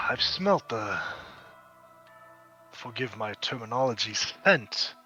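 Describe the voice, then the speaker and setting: A man voicing a stately, courtly fire king who speaks graciously with a quiet menace. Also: mid-range voice, lively intonation, slow, full character voice. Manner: formal, gracious, quietly threatening. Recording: dull lo-fi audio with faint music.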